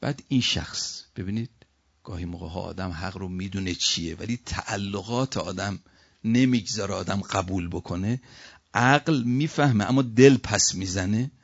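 Gravelly low-voiced man preaching. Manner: storytelling, rising to emphatic peaks; recites Arabic verses slowly. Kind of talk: sermon. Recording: dull lo-fi recording.

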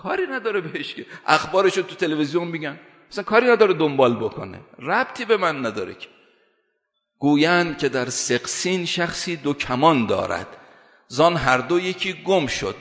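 Guy preaching a sermon, keeps repeating stuff and asking "right?", big echoey hall sound. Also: mid-range voice. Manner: emphatic, repeats points with rhetorical questions. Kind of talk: religious sermon.

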